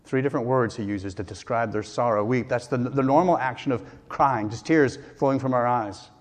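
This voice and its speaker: A man preaching an earnest, emphatic sermon as pastor, with dramatic pauses. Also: mid-range voice. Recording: long hall reverb.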